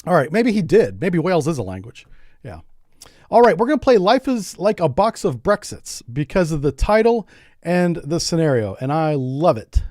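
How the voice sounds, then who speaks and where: A man's voice: fairly high pitch, sing-song, moderate pace, a little mellow, no room sound, clean studio sound. A middle-aged man from the United States streaming a game in a casual, rambling, joking way, often repeating words as he goes. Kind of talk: casual gameplay commentary.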